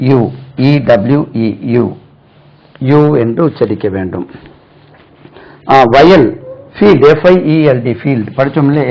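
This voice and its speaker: Slow, patient male English tutor. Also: medium pitch, highs cut off. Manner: slow, spells words letter by letter and repeats them; drills example sentences slowly, asks "right?" often. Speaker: English teacher. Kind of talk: spoken English lesson in Tamil.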